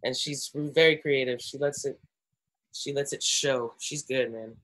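Speaking unhurriedly in a mid-range voice, this young man, a native Spanish speaker, joins a podcast as co-host via headset video call from home. The talk is casual and lively, with him performing voices of his family members.

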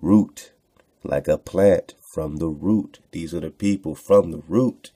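A deep, warm voice with a breathy edge belongs to a slow-speaking radio host, recorded dry at studio quality. He reads texts out loud with informal commentary, in a preacher-like, rhetorical way that repeats phrases for emphasis.

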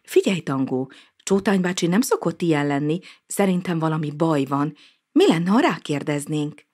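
A woman voicing a calm, gentle animal mother in a storybook, speaking softly and reasonably. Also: sits low.

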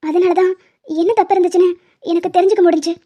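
A woman voicing a gentle, self-blaming young wife in an animated drama, speaking softly and pleadingly. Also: very high-pitched, fast talker. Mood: tearful. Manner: soft, pleading. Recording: dull lo-fi audio.

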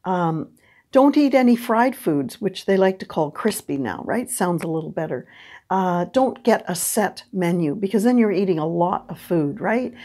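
An older woman hosting a casual diet lesson at a whiteboard, chatty and animated, often checking in with "right?", recorded from a camera at medium distance. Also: lowish voice, normal speed. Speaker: health and diet video host. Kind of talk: casual instructional talk at a whiteboard. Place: indoor room before a whiteboard.

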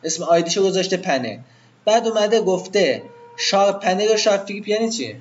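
A man's voice: high-pitched, animated, muffled recording. A man teaching web design to a live class in an informal way, asking the students questions and then answering them himself.

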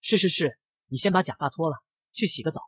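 A man's voice: fairly high pitch, animated, fast, breathy edge, no echo. A man voicing an irritable, snappy young rich man, in a comic narration. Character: hot-tempered spoiled young rich man.

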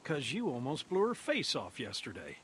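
An actor voicing a gruff, weathered older man in a game, plain-spoken and dry as he tells hunting stories. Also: medium pitch, huge pitch swings, normal speed, very noisy. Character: gruff weathered older uncle, folksy storyteller. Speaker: game character.

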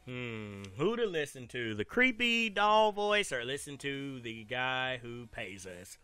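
Man, crisp sharp voice, very lively pitch, playful let's play host, casual gaming commentary, game music behind. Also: slow, no echo.

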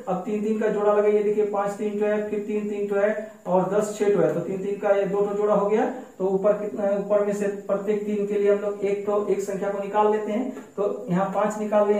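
A male math teacher, explaining a classroom lesson slowly and step by step to children. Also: sits high, mellow. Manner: slow, repetitive explaining, addresses children directly. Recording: very echoey room, mic far off.

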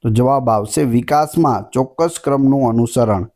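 A man's voice: medium pitch, normal speed, darkish tone. A man teaching an exam-prep lesson, reading out each question and then giving its answer.

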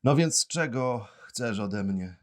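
A man voicing a gruff, hoarse, bearded giant who runs a puppet show, loud and given to sneezing. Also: lively intonation, slow. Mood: stern. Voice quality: hoarse, booming. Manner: loud shouting orders, sneezes.

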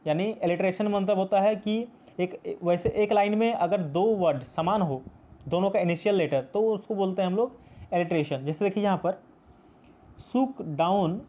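Man teaching a poem, mellow voice. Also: sits high, moderate pace. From India. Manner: patient, repetitive, mixes English terms into speech. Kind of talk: explaining a poem in a class video.

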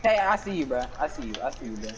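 A man's voice: mid-range voice, sing-song, quick pace, background noise. A man chatting casually while playing an online basketball game with friends, trash-talking, swearing and calling plays to his teammates. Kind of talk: casual gaming chat.

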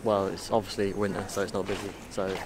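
A man's voice: sits low, little pitch movement, quick pace, background noise. Laid-back young guy on a street. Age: young adult. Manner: laid-back, swears casually. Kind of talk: casual chat while walking outdoors. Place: city street outdoors.

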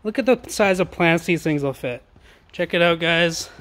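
A man gives a casual promotional tour of auction lots inside a big warehouse showroom, pitching them with eager, slang-heavy patter. He talks at a moderate pace in a high, somewhat bright voice, and warehouse noise is clearly audible.

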